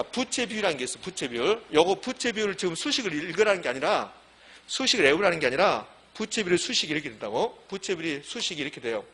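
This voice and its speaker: Animated high-pitched male lecturer. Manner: emphatic, repetitive, walks through board examples. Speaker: real estate exam lecturer. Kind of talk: classroom lecture. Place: classroom with a blackboard.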